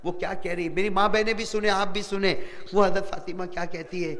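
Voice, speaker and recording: Man, preacher, high bright voice, emotional storytelling sermon, quizzes the crowd, long hall echo. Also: steady tone. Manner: keeps asking the audience questions and repeating phrases.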